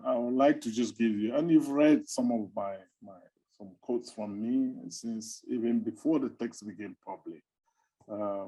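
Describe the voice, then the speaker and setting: A middle-aged male academic speaks on an online panel with a husky, slightly breathy voice. His tone is dark and mellow. He talks conversationally and drifts into playful asides. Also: mid-range voice, poor audio. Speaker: academic fisheries researcher, webinar panelist. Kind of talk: webinar talk.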